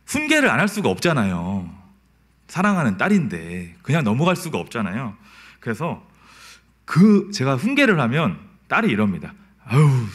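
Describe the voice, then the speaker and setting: Male pastor, sermon delivery, animated pitch, anecdotal and chatty. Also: slightly rough. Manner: lively storytelling with acted quotes.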